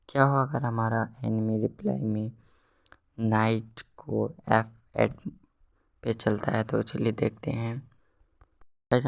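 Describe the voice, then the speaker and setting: A hoarse man explaining a chess opening step by step in a casual tutorial, mixing English words into his talk. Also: fairly low pitch. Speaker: chess teacher.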